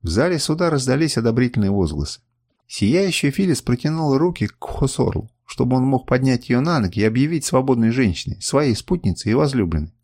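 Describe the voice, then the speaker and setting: A male audiobook narrator reading a novel with dramatic, expressive delivery. His pitch moves a great deal. The recording is dry, with no room sound. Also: fairly quick, dry recording. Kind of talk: scripted narration.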